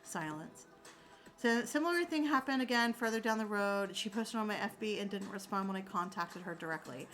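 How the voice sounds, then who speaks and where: A middle-aged woman chatting casually as she works on a craft, candid and quick to swear, laughing often and correcting herself mid-sentence. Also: medium pitch, animated, fairly bright tone, soft background music. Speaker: crafter chatting while working. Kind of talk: casual chat.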